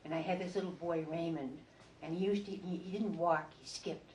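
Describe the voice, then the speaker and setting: Low-voiced older woman in an echoey room. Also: fairly even intonation, normal speed, darkish tone, slight background noise. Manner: fond, storytelling. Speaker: retired reading teacher. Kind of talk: reminiscing talk at a community gathering. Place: library meeting room. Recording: roomy echo.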